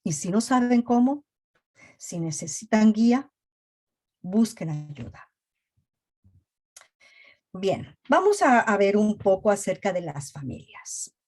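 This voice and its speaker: Slow, emphatic woman therapist on a video call. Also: medium pitch, big pitch swings, darkish tone. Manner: slow, emphatic, frequent "este" fillers. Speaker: holistic therapist giving a talk. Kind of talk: monthly reflective talk to parents.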